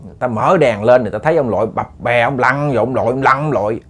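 A man's voice: mid-range voice, very fast, slightly rough. A man with a Southern Vietnamese accent telling a ghost story to listeners, casual and chatty with many repeated words.

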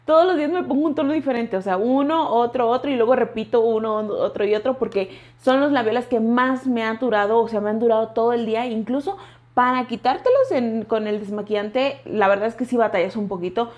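A woman's voice: on the high side, a little fast, a little mellow, muffled recording. A woman giving a casual product review as a vlogger, chatting and talking straight to her viewers. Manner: chatty, keeps addressing viewers directly. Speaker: beauty vlogger.

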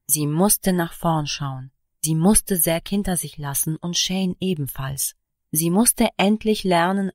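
A woman with a low, deep voice narrates a novel in a calm, even read. The sound is dry and close, with no room around it. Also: no room sound. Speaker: audiobook narrator. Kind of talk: scripted narration.

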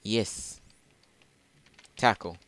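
A man's voice: very slow, fairly bright tone, dry recording. A man hosting a casual let's play, rambling and often correcting himself. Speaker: gamer, channel host.

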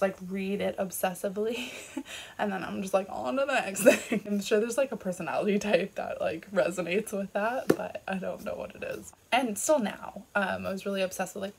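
A Canadian woman in her late twenties chats to her vlog camera, rambling through fillers and self-deprecating laughs. Her voice sits at a middling pitch and has a husky, fry-tinged texture. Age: 20s. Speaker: booktuber. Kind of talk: casual vlog introduction.

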